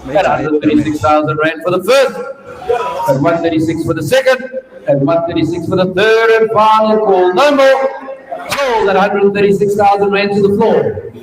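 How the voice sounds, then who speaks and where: A man's voice: sits high, steady tone, moderate pace. A South African man working as an auctioneer, calling bids at a live auction in a repetitive, rhythmic patter. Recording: echoey hall, distant mic, crowd around.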